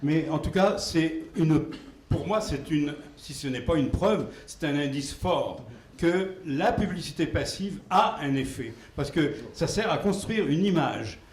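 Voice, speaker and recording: A man speaking at a conference question period, making a deliberate, argumentative point with fillers. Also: fairly high pitch, lively intonation. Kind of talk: Q&A discussion. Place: conference hall. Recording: echoey hall with faint noise.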